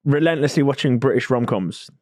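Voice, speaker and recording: A man's voice: medium pitch, expressive, fairly quick, darkish tone, dry recording, clean studio sound. A man in his thirties, co-hosting a casual chat and sheepishly owning up to things. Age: 30s. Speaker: podcast co-host.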